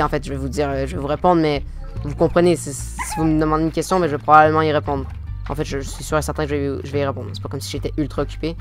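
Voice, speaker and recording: Hesitant Quebec French man narrating gameplay. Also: a little high. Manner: hesitant, many fillers and restarts, sudden excited outbursts. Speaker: gaming video host. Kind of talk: casual let's-play commentary.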